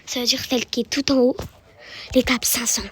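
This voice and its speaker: High-pitched gal rambling through a game walkthrough, repeats stuff a lot. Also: female voice, little pitch movement, fairly quick, poor audio. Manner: chatty, repeats words while guiding the player. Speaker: gaming YouTuber. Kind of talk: casual gameplay commentary.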